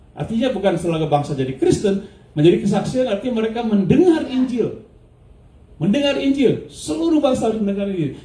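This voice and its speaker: A man's voice: high-pitched, dark tone, roomy sound. A male pastor preaching a sermon, questioning his congregation, laughing often and dropping English words into his speech. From United States.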